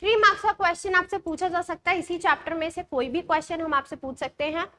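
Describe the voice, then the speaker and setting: A young woman with an Indian accent and a very high-pitched, steady, bright, forceful voice teaches an exam-prep English lesson online over soft background music. She switches between Hindi and English, reads passages slowly, and checks in with her students often using short questions.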